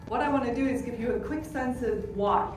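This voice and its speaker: A woman's voice: a little high, a little fast, a little mellow. A British woman speaks to a conference audience, chatty and easygoing with little jokes. She is picked up from a distance in a big, very reverberant hall, with music running underneath. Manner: chatty, jokey asides to audience. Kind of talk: conference keynote talk. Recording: echoey hall, distant mic. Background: music bed.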